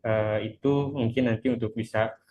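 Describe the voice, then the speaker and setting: A man's voice: mid-range voice, steady tone, moderate pace, darkish tone. Muffled young man talking through a mask. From Cianjur, West Java, Indonesia. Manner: speaking through a face mask. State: unwell. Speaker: webinar presenter. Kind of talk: informal online lesson, introductory presentation. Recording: dull, muffled lo-fi webinar audio.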